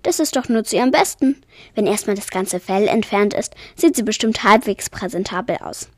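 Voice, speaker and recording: A woman voicing a smug, condescending male theater director who talks in a patronizing, smooth way, in a storybook reading. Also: medium pitch, animated, moderate pace, no echo, natural voice. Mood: cold.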